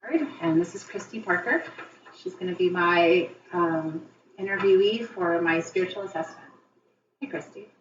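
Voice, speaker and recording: A woman asks friendly, encouraging interview questions. Her voice sounds re-recorded off a television speaker, so it comes across distant, muffled and ringing with room echo. Her pitch sits in the middle range. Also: normal speed, slight background noise. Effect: re-recorded through a TV speaker. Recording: echoey, dull, distant TV re-recording.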